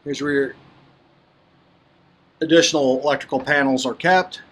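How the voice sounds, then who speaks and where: A man narrates a relaxed boat tour, talking to his viewers as he walks from the deck into the cabin. His voice sits a bit high for a man, and the delivery stays easygoing and conversational. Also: normal speed. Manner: relaxed, talks to viewers while walking around. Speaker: yacht broker giving a boat tour. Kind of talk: casual walkthrough narration. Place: on a boat, outdoors then in the cabin.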